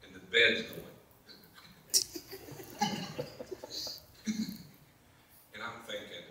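A man preaching a sermon as pastor, telling a story and moving from hushed tones to loud exclamations. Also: lowish voice, fairly even intonation, a little slow, heavy background noise. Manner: storytelling, swings from hushed to shouting. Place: church sanctuary. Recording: echoey church from far off.

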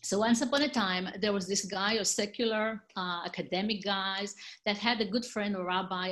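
A woman teacher tells a teaching story from home in a warm, informal way. Her talk is loose, with small slips and restarts. The sound comes through a video call. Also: mid-range voice.

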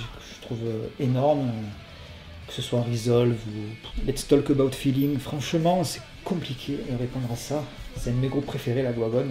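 A man's voice: medium pitch, dark tone, roomy sound. A man hosting a casual question-and-answer video, talking hesitantly with lots of fillers and apologies. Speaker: channel host answering viewer questions. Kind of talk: casual FAQ video chat.

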